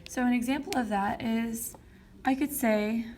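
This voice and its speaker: A woman teaching a French grammar class in a fairly high voice. She explains each point step by step and keeps checking in with her listeners. A faint noise sits under the recording. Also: unhurried, darkish tone. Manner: explains step by step with frequent check-ins like "okay?".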